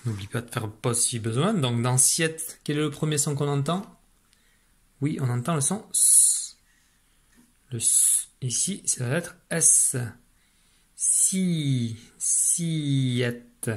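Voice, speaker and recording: A man's voice: medium pitch, a little slow, slightly rough. A man teaching a spelling dictation lesson, speaking patiently, repeating each syllable and sometimes whispering it. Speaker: primary school teacher.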